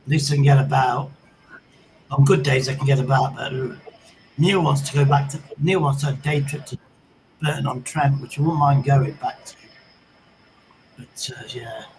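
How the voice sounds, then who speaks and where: A man's voice: mid-range voice, steady tone, moderate pace, pauses often, a little mellow, slight background noise, low-quality recording. A man chatting casually and easily as a guest on a livestream. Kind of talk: casual chat.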